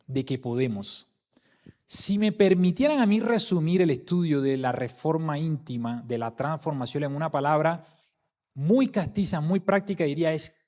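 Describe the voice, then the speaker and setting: Man, spiritual lecture, earnest and emphatic, slightly high voice. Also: a little mellow. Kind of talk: motivational spiritual talk to an audience.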